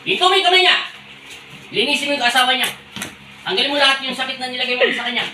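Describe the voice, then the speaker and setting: A man's voice: extremely high pitch, animated, very fast, noisy background. A man working as a folk healer who scolds and interrogates during a healing ritual, barking repeated commands. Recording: echoey room from far off.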